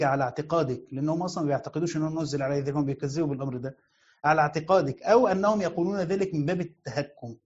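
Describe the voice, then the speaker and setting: In this lo-fi clip, a man with an on-the-high-side, slightly mellow voice teaches Quran commentary as a sheikh. Speaking with an Egyptian Arabic accent, he explains by asking questions, answering them, and repeating the key phrases.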